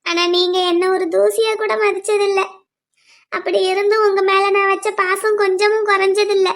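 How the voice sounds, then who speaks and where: A woman's voice: very high-pitched, level tone, moderate pace, a bit bright. A woman voicing a heartbroken cartoon girl. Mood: hurt, tearful. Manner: tearful, self-blaming pleading. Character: heartbroken young woman student in love. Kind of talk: cartoon voice acting.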